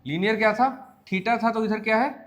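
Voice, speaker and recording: Indian guy teaching physics class, kinda high voice, keeps asking if ppl get it. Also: fairly even intonation, fairly bright tone. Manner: mixes Hindi and English, asks students frequent check questions; slow, word-by-word dictation while writing. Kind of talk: classroom lecture.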